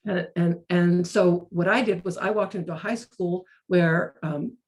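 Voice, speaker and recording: A woman's voice: lowish voice, fairly even intonation, unhurried, a little mellow. Woman in her sixties, earnest storytelling, many restarts, video call audio. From North Carolina. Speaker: guest speaker. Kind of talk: webinar talk.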